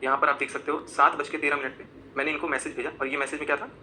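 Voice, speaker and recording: A man talks at a racing clip in a bright, cutting, somewhat high voice, agitated and accusatory. He walks through chat screenshots on his phone during a live confessional rant, jumping between emphatic outbursts and quick muttered asides. A faint hum sits behind him. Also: level tone, poor audio. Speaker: vlogger.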